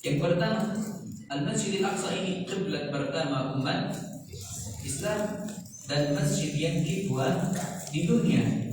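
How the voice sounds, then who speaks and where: Echoey foreign preacher speaking accented Indonesian. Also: male voice, on the high side, a little mellow. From outside Indonesia, learned Indonesian after arriving. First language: not Indonesian. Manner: non-native Indonesian speech with simple phrasing and Arabic quotations. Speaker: guest preacher. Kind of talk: sermon to a mosque congregation. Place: large indoor mosque. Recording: echoey reverberant mosque hall, distant mic, faint noise.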